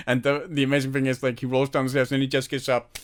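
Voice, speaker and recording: A man hosting a film podcast, retelling movie scenes in casual chat with animated energy and frequent laughter. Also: medium pitch, fast talker, clean tone. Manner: animated storytelling, laughs often. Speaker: podcast host.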